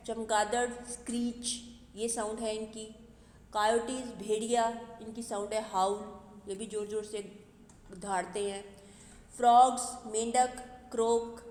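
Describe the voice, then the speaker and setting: A woman teacher slowly explaining an English poem to young children, translating each word. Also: a little high, a little mellow. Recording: echoey room with long reverb.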